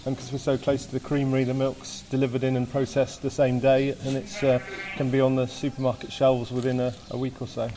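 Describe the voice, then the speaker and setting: A man's voice: mid-range voice, monotone, brisk, hardly any pauses, dark tone, slight background noise. A man, a goat farmer, answering interview questions in a plain, hesitant way with many fillers.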